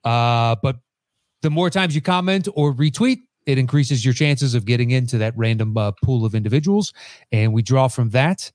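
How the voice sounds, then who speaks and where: A man's voice: medium pitch, normal speed, a little mellow, dry recording. Easygoing male podcast host, dry sound. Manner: easygoing, frequent fillers while introducing guests. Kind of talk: casual podcast hosting.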